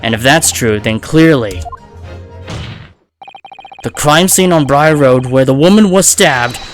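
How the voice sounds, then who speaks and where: A man's voice: mid-range voice, animated, slow, soft background music. A man voicing an earnest young male defence lawyer in a video game, arguing formally and emphatically. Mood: earnest, insistent. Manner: emphatic, formal courtroom argument.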